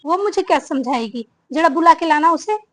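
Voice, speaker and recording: A woman's voice: high voice, moderate pace, dry recording, lightly acted. A woman acting a stern mother-in-law who scolds her daughters-in-law in a family drama. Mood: scolding. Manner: commanding, scolding.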